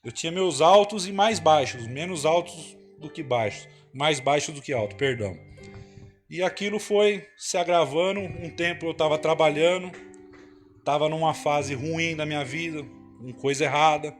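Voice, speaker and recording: A man with a slightly high voice gives an emotional personal testimony in church. He tells his story earnestly and keeps checking in with the congregation. Soft guitar music plays behind him. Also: moderate pace. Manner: emotional, earnest storytelling, frequent tag questions. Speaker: church member giving testimony.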